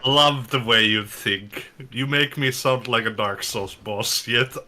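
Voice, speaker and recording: A man's voice: medium pitch, slow pace, sharp tone. A man of thirty chatting during a co-op game, wry and self-mocking. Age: 30s. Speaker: co-op player. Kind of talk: casual gaming chat.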